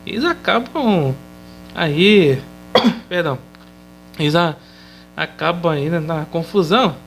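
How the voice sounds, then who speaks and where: A man's voice: fairly high pitch, animated, slow pace, a bit bright, faint music behind, poor audio. A man with a Brazilian Portuguese accent casually recapping a TV episode, chatty and loose, often tagging his sentences with questioning fillers. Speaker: episode reviewer.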